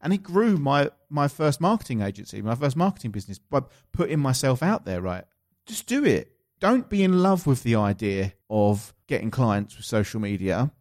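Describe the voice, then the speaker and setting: A man's voice: mid-range voice, big pitch swings, normal speed, a little mellow. A man with an Essex accent hosting a podcast conversationally, speaking straight to listeners in an emphatic, encouraging way. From England. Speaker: podcast host and coach. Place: office studio.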